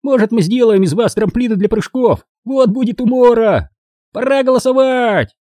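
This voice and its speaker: A man's voice: very high-pitched, moderate pace, mellow, dry recording, voice pushed up. A man voicing a spiteful male garden gnome who talks in a mocking, gloating way.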